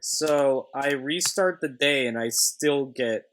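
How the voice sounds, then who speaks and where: A man's voice: mid-range voice, slow pace, a bit bright, slight background noise, poor audio. A man co-hosting a casual gaming chat, ranting and breaking into song. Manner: ranting, sings along jokingly. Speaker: gaming podcast co-host.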